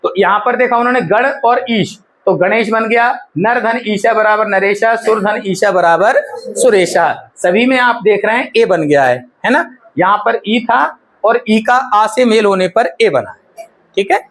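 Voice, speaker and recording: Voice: medium pitch, animated, moderate pace, a bit bright. Teacher walking a class through a lesson. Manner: explains step by step, checks in with "ठीक है".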